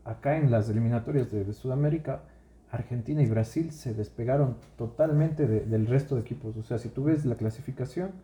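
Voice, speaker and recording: In an echoey room, a brisk, mid-range voice belongs to an Ecuadorian podcast co-host. He keeps the casual chat relaxed and leads it by asking questions.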